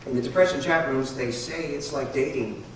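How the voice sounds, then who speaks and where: Actor as an earnest, reassuring husband. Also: male voice, medium pitch, normal speed, fairly bright tone, a little hiss or hum, lightly acted. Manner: eager, reassuring. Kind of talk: stage musical acting. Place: large theater stage. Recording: distant echoey theater bootleg.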